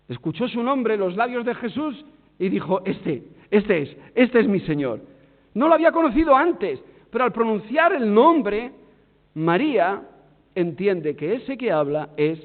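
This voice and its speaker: A man with an accent from Spain preaching a sermon in a church hall, swinging between loud emphasis and hushed, drawn-out words. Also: high-pitched. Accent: Spain Spanish. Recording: tinny phone-like sound with long hall reverb.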